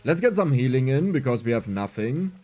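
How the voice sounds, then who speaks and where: A man's voice: medium pitch, very animated, a little fast, warm tone, soft background music. A young adult man with a German accent, streaming a game, reading chat aloud and answering it with self-mocking humor. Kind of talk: casual livestream gameplay chat.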